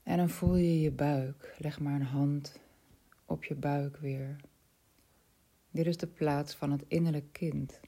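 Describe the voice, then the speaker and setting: A woman leading a spiritual guided meditation in a soft, slow voice that often drops to a whisper. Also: low voice, steady tone, slightly rough.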